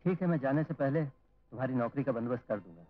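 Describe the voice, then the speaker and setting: An actor playing a gentle, guilt-ridden young man who speaks in an earnest, apologetic way, on a tinny old film soundtrack. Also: medium pitch, animated, quick pace, lightly acted.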